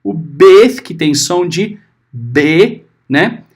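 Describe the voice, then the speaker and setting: Slow, animated high-voiced man teaching. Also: slightly rough. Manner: patient, often checking understanding with short tags; slowly sounds out letters and syllables. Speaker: Hebrew teacher. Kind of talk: recorded class lesson.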